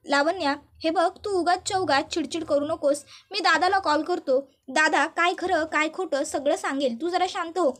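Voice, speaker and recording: A woman voicing a calm, reasoning young man in a storybook retelling. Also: very high voice, moderate pace.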